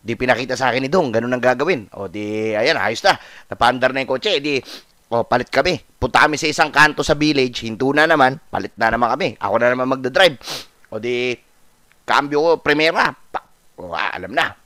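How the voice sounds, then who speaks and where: A man's voice: mid-range voice, fairly quick, no echo, studio quality. A man from the Philippines telling a story in a casual vlog, acting out the dialogue and repeating lines. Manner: animated, acts out dialogue with repetition. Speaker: vlogger.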